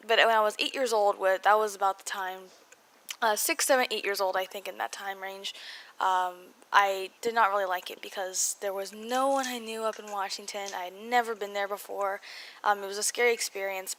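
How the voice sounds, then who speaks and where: A woman's voice: mid-range voice, fairly bright tone. A young woman from California with an American accent and slightly muffled articulation from braces, telling her story as a casual vlog voice-over, rambling and interrupting herself with self-deprecating asides. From California, United States. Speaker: video blogger.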